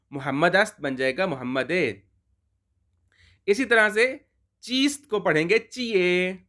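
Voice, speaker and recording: A man with a slightly high voice teaches a beginner language class. He works through a textbook, saying each phrase slowly and repeating words so learners can follow along. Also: a bit bright. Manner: slow drilling of phrases, repeats words for practice. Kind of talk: textbook lesson walkthrough.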